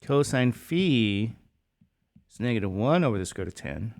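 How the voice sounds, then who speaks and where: A man teaching a math class, lecturing with quick questions to the students that he answers himself. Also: mid-range voice, lively intonation, creaky, darkish tone.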